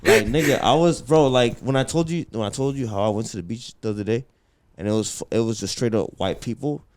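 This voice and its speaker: A man's voice: medium pitch, fairly quick, noisy background. Slangy man with a stutter. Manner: slangy, repeats himself, mild stutter. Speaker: podcast co-host. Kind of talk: casual chat.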